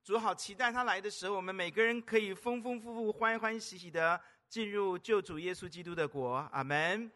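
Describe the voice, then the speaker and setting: A male pastor preaching a lively sermon, exclaiming and telling stories. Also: high voice, fairly quick, few pauses. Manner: animated, exclaiming, storytelling.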